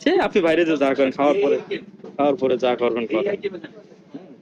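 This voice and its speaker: A man vlogging with a rural Bangladeshi Bengali accent, keeping his voice low and hushed as he talks to viewers during an eating challenge in a village. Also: animated, fast talker, muffled recording, slight background noise. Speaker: vlogger host. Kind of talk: casual vlog commentary. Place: village house outdoors.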